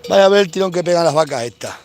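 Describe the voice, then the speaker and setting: A man's voice: a little high, lively intonation, rapid-fire, a little mellow, slight background noise. A man, a cattle farmer rambling on a live stream as he herds his cows, blunt and full of curses. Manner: blunt, swearing, mocking, rough rural talk. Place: outdoors on a farm with cattle.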